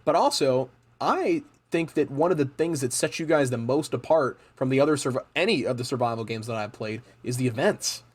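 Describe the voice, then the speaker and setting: A man's voice: medium pitch, lively intonation, fairly quick, few pauses, husky. A man hosting a casual interview, rambling and repeating words as he frames long questions. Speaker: interview host, streamer.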